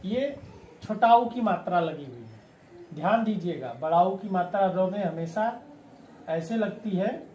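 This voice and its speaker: A man's voice: high voice, expressive, a little slow, a little mellow, slight background noise. A man teaching a lesson, explaining patiently and counting syllables aloud one by one. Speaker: Hindi teacher. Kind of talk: classroom lesson on poetic meter. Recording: echoey room with faint ambience.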